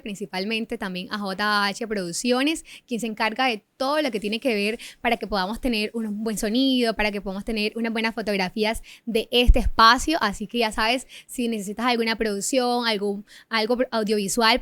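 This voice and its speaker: A woman host with a fairly high voice opens a podcast, upbeat and welcoming. The recording is dry and close, with no room sound. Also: a bit bright, dry recording. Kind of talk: podcast introduction.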